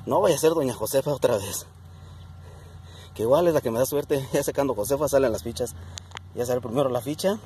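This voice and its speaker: Talking to his viewers like friends, a Mexican-accented man narrates his metal-detector search across a plowed field in an easygoing outdoor vlog. He has a warm, medium-pitched voice, speaks a little fast and pauses often, with slight background noise.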